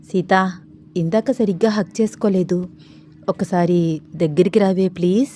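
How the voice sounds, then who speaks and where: A playful young husband in a romantic audio story, coaxing and teasing in a soft, close voice. A woman voices him in her own plain tone. The talk stays intimate and gentle. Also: on the low side, fairly even intonation, a little slow, slight background noise, lightly acted.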